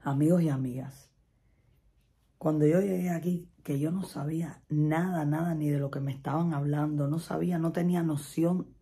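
A woman's voice: low voice, dark tone. A middle-aged Spanish-speaking woman telling a chatty personal story, laughing often and repeating herself. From Latin America. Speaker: vlogger.

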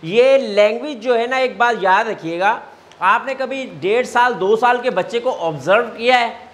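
A man teaching a video language lesson. He drills sounds slowly, keeps quizzing the viewer and urges steady practice. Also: very high-pitched. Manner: encouraging, urging constant practice.

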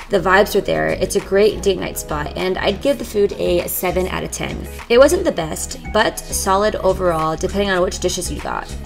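A woman's voice: lowish voice, gravelly. A young woman hosting her own food vlog, chatty and enthusiastic, narrating over background music. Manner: bubbly, enthusiastic food reviewer. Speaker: vlogger host.

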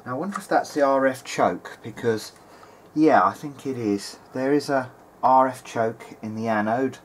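A hobbyist electronics repairer hosts a relaxed, hands-on demo at his indoor workbench, musing aloud with some hesitation. His mid-range voice moves at a moderate pace, and the workshop room carries clear background noise.

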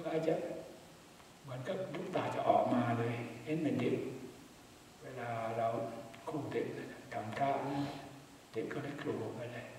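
Monk preaching in an echoing hall. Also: male voice, mid-range voice, slight background noise. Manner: calm, unhurried teaching with rhetorical questions. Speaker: Buddhist monk teaching dhamma. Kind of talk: dhamma sermon. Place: temple hall in Las Vegas. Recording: echoey hall, distant mic, faint ambience.

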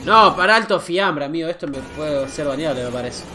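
A man with an Argentine accent, reacting live as a streamer, excitable and casually swearing while he greets his chat. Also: a little high, a little fast, crowd noise. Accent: Argentine Spanish.

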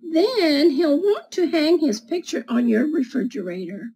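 Reading a picture book to young listeners, a woman in her seventies works deliberately through the illustrations, gently asking the children questions. Her voice sits high and sounds animated. The setting is a small indoor home room with bookshelves, with a webcam at desk distance as the microphone.

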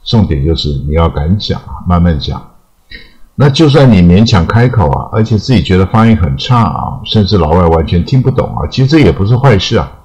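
A man's voice: deep voice, animated, a little fast, a little mellow, highs cut off. An older man giving an informal, rambling spoken English lesson, chatty, with frequent trailing particles. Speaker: English teacher.

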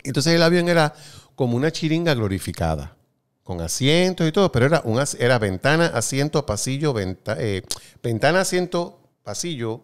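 A man hosting a casual chat, joking playfully and telling stories at a measured pace. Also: medium pitch, big pitch swings, smooth. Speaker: host.

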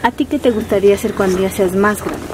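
Soft-spoken woman comforting children. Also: mid-range voice, quick pace, noisy background. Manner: gentle, soothing, calls the children dear ones. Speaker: charity visitor interviewing a family. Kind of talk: emotional field conversation with children. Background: music score.

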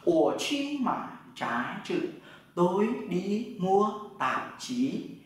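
A man, his voice a little high, teaches a class and keeps checking that his students follow. He sounds far from the mic, in a very echoey room with faint noise behind him. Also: sing-song, drawn-out words. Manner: explains step by step, often asks "right?" to check. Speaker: Chinese language teacher. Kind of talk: classroom lesson.

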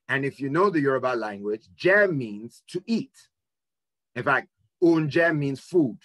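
A man of Nigerian and American upbringing giving an educational webinar talk, halting and full of ums and restarts over a video call. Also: mid-range voice, pushed and bright, no echo. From Nigeria and the United States. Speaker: webinar presenter.

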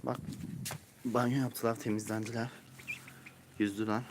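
A man with a lowish voice talks casually outdoors, coaxing and cooing at his ducklings while asking viewers to subscribe. Loud outdoor noise and animal sounds run underneath his voice. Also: little pitch movement, normal speed. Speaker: YouTuber showing his ducklings. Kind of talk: casual vlog narration. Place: outdoors in a hot yard.

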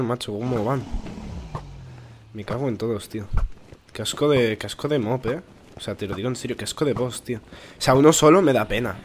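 A man's voice: mid-range voice, background noise. A man with a Spain Spanish accent giving casual, rambling gameplay commentary, swearing freely as he talks. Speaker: gaming YouTuber.

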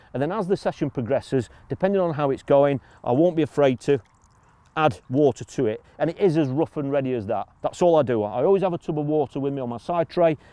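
Mellow-voiced man chatting by a lake. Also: medium pitch, dry recording. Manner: chatty, frequent "all right?" and "you know". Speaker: angling coach. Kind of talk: casual outdoor tutorial. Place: outdoors seated by a lake.

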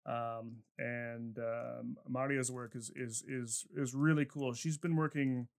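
A man's voice: mid-range voice, steady tone, takes it slowly, vocal fry. A man hosting a podcast interview, talking casually with many fillers and restarts. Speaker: podcast host.

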